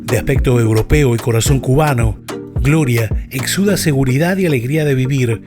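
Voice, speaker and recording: A man reads a formal, measured scripted narration as the program narrator. His voice sits at a mid pitch, and loud music plays clearly under him.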